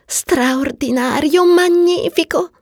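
Female narrator playing a timid, giddy confidante; high, breathy, swooping, dry close read. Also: wildly swooping pitch, unhurried, dry recording, exaggerated voice. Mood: gushing. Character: shy, giddy, excitable woman confiding secrets. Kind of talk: audiobook character voice.

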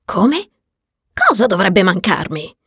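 A woman's voice: medium pitch, wildly swooping pitch, slow pace, a bit bright, slightly rough, no room sound, clean studio sound, full character voice. Woman voicing a blunt, scornful earthy woman. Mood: impatient. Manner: brusque and mocking. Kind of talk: audiobook character voice.

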